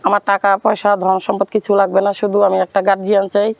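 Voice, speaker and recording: Though her delivery is completely flat, a woman from Rangpur, Bangladesh, earnestly and plaintively recounts her life and appeals to viewers. She talks fast in a medium-pitched, gravelly voice with a Bangladeshi accent, and there's no room sound.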